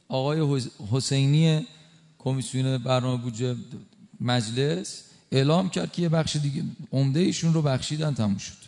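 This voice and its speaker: A man preaching a sermon emphatically, repeating key words for stress and swinging between loud and quiet passages. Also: fairly high pitch. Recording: long hall reverb.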